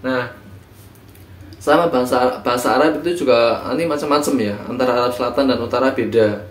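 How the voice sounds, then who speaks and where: A man explains history in a loose, chatty lecture, often pausing and correcting himself as he goes. His voice sits in an ordinary middle register. He is recorded from a distance in a room that echoes. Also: mid-range voice. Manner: relaxed, conversational, frequent fillers and self-corrections. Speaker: teacher.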